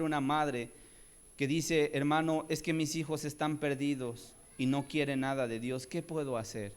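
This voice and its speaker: A man delivers a sermon, his voice sitting a little high. He drops to quiet, low pleading, then climbs into loud, ringing cries. He keeps turning to his listeners with rhetorical questions. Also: clean tone. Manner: swings between soft low pleading and loud raised cries. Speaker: pastor.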